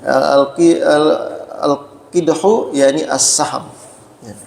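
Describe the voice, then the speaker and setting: A man's voice: fairly high pitch, a little hiss or hum. Echoey mosque preacher, man. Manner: explains Arabic terms slowly, frequent "ya" tags; asks listeners rhetorical questions. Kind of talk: mosque study talk.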